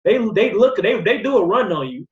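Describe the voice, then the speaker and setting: A man's voice: high-pitched, very animated, a little fast. A man in casual talk on a group call who stammers and repeats his words as he explains. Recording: dull, echoey call audio.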